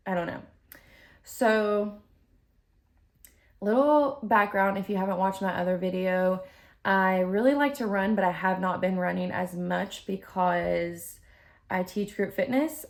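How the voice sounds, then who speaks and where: A woman with noticeable vocal fry talks casually to her vlog audience. She is chatty and a bit giggly, rambling along like a fitness instructor sharing updates. Her pitch sits in an average range for a woman. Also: a little mellow. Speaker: fitness vlogger.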